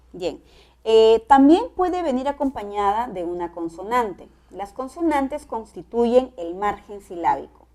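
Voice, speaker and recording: A woman with a Peruvian accent teaching a pre-university class, explaining each step in a measured way. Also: mid-range voice, darkish tone. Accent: Peruvian Spanish. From Peru. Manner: measured, explanatory, spells out syllable patterns.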